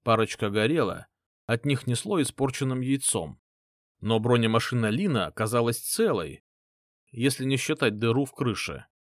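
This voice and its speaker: A man narrating a first-person fantasy audiobook in an expressive reading style. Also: mid-range voice, moderate pace, no room sound, clean studio sound.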